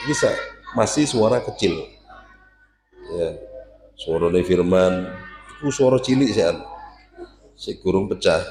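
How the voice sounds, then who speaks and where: A man teaching a casual religious class to students, lively and jokey, breaking into recitation to demonstrate. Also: lowish voice, roomy sound, slight background noise. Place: prayer room with students.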